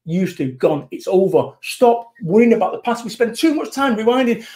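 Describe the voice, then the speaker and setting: A man from England, a motivational business speaker, talking bluntly and forcefully as a guest on a live online show. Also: sits high, big pitch swings, normal speed. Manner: blunt, punchy and forceful, acts out whiny quotes. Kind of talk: energetic motivational interview talk.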